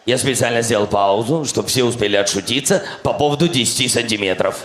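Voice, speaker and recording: An actor playing a flustered, bossy airline captain in a comedy sketch, moving between official announcements and exasperation. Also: male voice, medium pitch, fast, natural voice. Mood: official, dry. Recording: echoey stage recording, noisy background.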